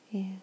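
Warm slow-whispering woman. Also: muffled recording, a little hiss or hum. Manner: soft comforting whisper. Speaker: ASMR performer. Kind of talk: ASMR comfort roleplay.

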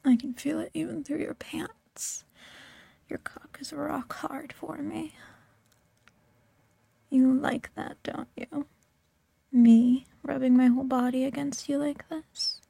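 A woman's voice: high-pitched, fairly even intonation, slow, vocal fry, long pauses, warm tone, no echo. A woman performing a whispered audio roleplay close to the microphone, teasing and coaxing in a mostly whispered voice.

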